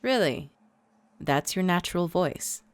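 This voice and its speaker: A woman's voice: lowish voice, animated, a little slow, smooth, dry recording. A woman playing a polite TV interviewer who grows exasperated. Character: professional TV interviewer.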